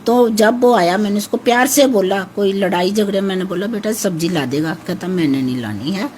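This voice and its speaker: Speaking at medium pitch and normal speed, with a slightly mellow tone and a little background noise, an older woman describes her missing son in an emotional interview. Her voice is naturally harsh, and she repeats herself, anxious and pleading.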